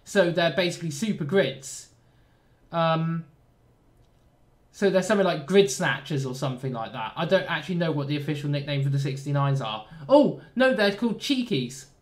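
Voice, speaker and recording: A man with a nasal southern English accent, chatting casually and joking at his own expense while narrating a train simulator run. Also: a little high. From southern England. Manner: rambling, self-deprecating, jokey asides. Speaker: train sim YouTuber. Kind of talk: casual gameplay commentary.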